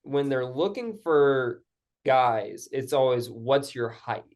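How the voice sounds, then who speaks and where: A man from Virginia hosting a podcast, asking relaxed follow-up questions in casual interview chat. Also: mid-range voice, slow pace. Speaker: podcast host.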